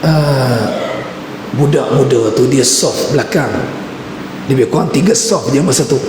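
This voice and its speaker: A man's voice: medium pitch, a little slow. Tell it like a chatty preacher in a big mosque hall, plain man's voice, with the echo ringing on. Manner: conversational anecdotal storytelling. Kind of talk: religious lecture storytelling. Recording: echoey mosque hall with background noise.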